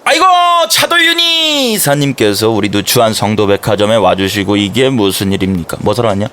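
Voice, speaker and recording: An actor playing a brash, excitable young buddy in a romance audio drama, teasing and blustery, stammering and exclaiming as he talks. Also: fairly low pitch, a little fast.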